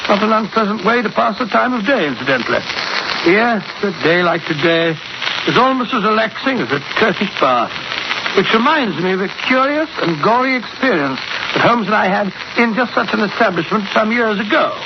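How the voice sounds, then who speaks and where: A genial old English doctor spinning yarns in an old radio play. His voice is high and swoops freely, and he rambles and hesitates in an avuncular way. The recording is muffled and noisy. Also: expressive, fairly quick, vocal fry. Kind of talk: 1940s radio drama acting.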